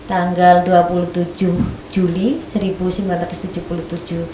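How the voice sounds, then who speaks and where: A woman's voice: fairly low pitch, flat delivery, normal speed, warm tone, echoey room, a little hiss or hum. A woman in her forties from Malang, a guest introducing herself politely. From Malang, Indonesia. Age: 40s. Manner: polite, formal greetings.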